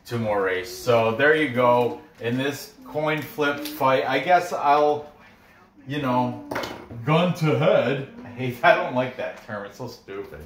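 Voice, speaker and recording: A betting-picks host, born in Korea and raised in New York, rambles casually through fight betting commentary, often cutting himself off. The voice is medium-pitched, animated and slow. The room is echoey and noisy.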